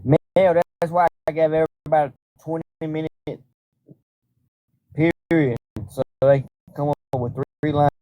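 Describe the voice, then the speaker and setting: A man's voice: fairly high pitch, fairly even intonation, moderate pace, warm tone, no room sound. Laid-back man hosting a livestream. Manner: laid-back, slangy, directing the chat. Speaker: livestream host. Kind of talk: casual livestream chat.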